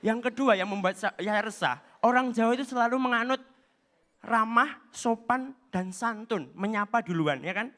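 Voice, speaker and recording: High-voiced man doing stand-up. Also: normal speed. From Java, Indonesia. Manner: animated, acts out short quoted exchanges in other voices. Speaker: stand-up comedian. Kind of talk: stand-up comedy set.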